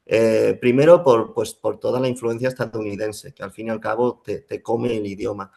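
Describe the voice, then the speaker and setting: Gravelly-voiced man. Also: lowish voice, steady tone, normal speed, dark tone. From Spain. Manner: reflective, many fillers and restarts. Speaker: Spanish teacher, guest. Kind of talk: casual interview talk.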